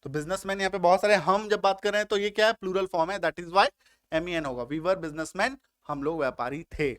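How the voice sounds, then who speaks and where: Male grammar teacher, high voice, dry close mic, patient and repetitive, checks understanding often, slightly under the weather. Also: brisk, a bit bright, dry recording. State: slightly unwell, coughing. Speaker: English teacher. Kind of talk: Hindi-medium spoken English grammar lesson.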